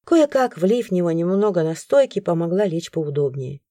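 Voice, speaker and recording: A woman narrates a first-person audiobook in an expressive storytelling style. Her voice is lowish, her pace normal, and the studio-quality recording has no room sound.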